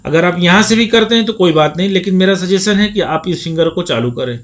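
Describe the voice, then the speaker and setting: A man's voice: high-pitched, lively intonation, a little fast. A man teaching dholak, patiently explaining hand positions and counting beats aloud as he plays. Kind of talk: demonstrating a music lesson. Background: dholak drumming.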